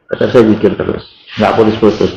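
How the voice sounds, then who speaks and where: A man as an interview guest, telling his story in an earnest, devout, soft and steady way. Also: lowish voice, brisk, vocal fry, lo-fi sound, a little hiss or hum. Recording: roomy echo.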